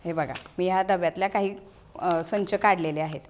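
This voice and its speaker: A woman's voice: on the low side, steady tone, moderate pace, a little mellow. A woman teacher with a Marathi accent walks a pupil through a classroom teaching aid. She speaks patiently and coaxingly, asking one question after another and echoing each answer back.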